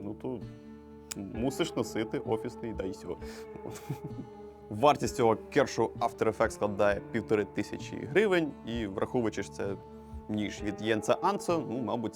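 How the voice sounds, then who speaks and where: A man with a Ukrainian accent hosting a casual knife review show, talking in a chatty, joking way. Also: fairly low pitch. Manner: chatty, joking, enthusiastic about knives.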